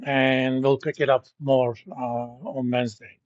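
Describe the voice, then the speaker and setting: Blunt, joking professor from Turkey. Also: male voice, medium pitch, little pitch movement, a little slow, no echo, dull audio. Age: middle-aged. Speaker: university professor. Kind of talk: classroom lecture.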